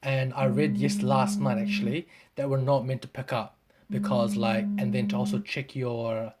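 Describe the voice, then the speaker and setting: A man's voice: mid-range voice, flat delivery, normal speed. A man chatting casually as a podcast guest, laid-back, swearing freely and trailing off. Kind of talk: casual chat.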